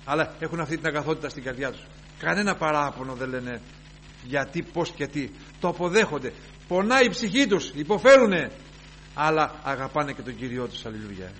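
A fervent male preacher delivers an evangelical sermon in a slightly higher voice. He swings from loud, soaring exclamations to low, hushed reflection, with frequent cries of hallelujah. A faint hum and light noise sit under the recording. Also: expressive, rough recording.

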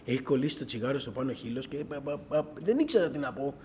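A middle-aged man giving a personal testimony to a church gathering, telling his story as an animated storyteller who keeps quoting dialogue. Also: mid-range voice, a little hiss or hum.

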